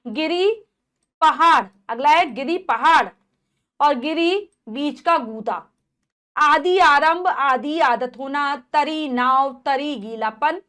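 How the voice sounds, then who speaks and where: A woman teacher reading out a vocabulary list and explaining it in a measured, list-like way. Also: sits high, fairly bright tone.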